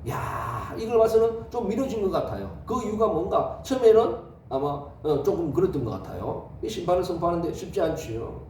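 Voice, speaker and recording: High, lively pastor preaching. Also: male voice, brisk, few pauses. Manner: lively storytelling with rhetorical questions. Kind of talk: sermon. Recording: echoey hall, distant mic, faint noise.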